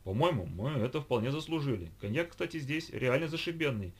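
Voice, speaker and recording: A man's voice: mid-range voice, lively intonation, a little fast, breathy edge, voice pushed up. A man reading a storybook, voicing a cheerful young man who keeps urging everyone to drink. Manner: cheerful, coaxing. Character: jovial young man, pushy drinking buddy.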